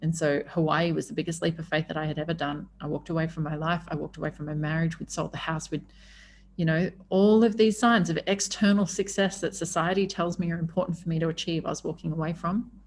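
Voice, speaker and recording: Woman, slightly low voice, candid podcast monologue, effusive and emphatic, drawn-out words, faint background noise. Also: fairly even intonation. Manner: effusive, emphatic, swearing freely. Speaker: podcast host.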